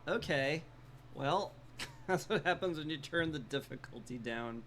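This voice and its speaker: Raspy-throated man streaming a game. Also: on the high side, expressive, a little slow, fairly bright tone, a little hiss or hum. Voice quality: raspy, like a smoker's rasp. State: strained, hoarse throat. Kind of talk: casual live gameplay commentary. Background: music.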